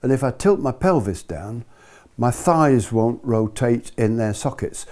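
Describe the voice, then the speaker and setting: A man's voice: mid-range voice, lively intonation, unhurried, mellow. A British man giving an informal spoken lesson as a ski instructor, chatty and explanatory, checking in with his listeners.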